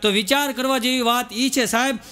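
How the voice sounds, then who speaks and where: A man performing stand-up comedy, telling jokes and sometimes singing verses slowly. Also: extremely high pitch, fairly even intonation, sharp tone, clean tone. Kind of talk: live Gujarati comedy show with jokes and sung verses. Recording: live stage recording with audience and noise.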